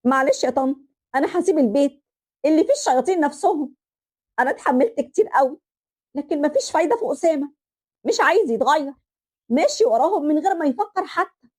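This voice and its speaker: A woman's voice: high voice, expressive, quick pace, darkish tone. A woman voicing a young wife who has had enough and is leaving, speaking politely but firmly in an Egyptian accent. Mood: resolute. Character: young wife, worn down and resolute.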